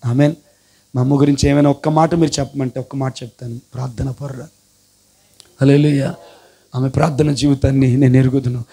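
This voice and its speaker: A man's voice: medium pitch, level tone, brisk, gravelly, long pauses, mellow, breathy edge. A young man giving an impassioned testimony sermon, breaking in often with hallelujahs. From India. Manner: fervent, punctuated with repeated hallelujahs.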